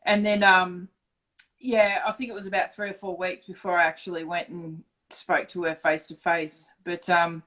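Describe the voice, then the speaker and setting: A middle-aged Australian woman telling her story in a casual interview, frank and swearing freely, lively when she acts out dialogue. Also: fairly low pitch, moderate pace, low-quality recording. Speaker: interview guest.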